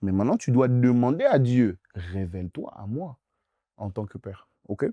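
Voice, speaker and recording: Young male pastor fielding youth questions; lively, swooping delivery, hammers points home by repeating them. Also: mid-range voice, normal speed, dry recording, muffled recording. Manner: emphatic, repeats phrases insistently, addresses listener directly. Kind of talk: preaching in a youth Q&A session.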